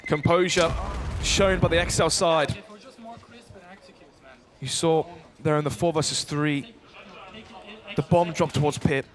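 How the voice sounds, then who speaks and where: A man's voice: a little high, fairly even intonation, slow pace, long pauses. A man commentating analytically as an esports caster, explaining tactics in dense game jargon. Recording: gunfire and clicks over the voice. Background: video game gunfire and clicks.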